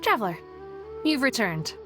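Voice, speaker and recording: A woman voicing a calm village woman greeting travelers in a plain manner. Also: a little high, moderate pace, music in the background.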